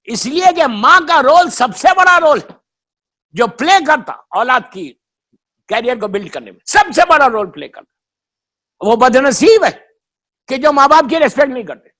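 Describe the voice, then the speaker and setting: A man preaching a fervent sermon, repeating his points, slipping into English phrases and often rising to shouts. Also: extremely high pitch, big pitch swings, pauses often. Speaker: Shia cleric giving a memorial majlis. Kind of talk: impassioned sermon.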